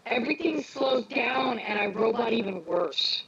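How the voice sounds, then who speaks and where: A woman who co-hosts a stream and narrates audiobooks rambles casually on her phone, with many fillers and a crowd audible behind her. Her voice is high-ish, expressive, and unhurried, but muffled by a whooshing sound as if she's talking into a fan.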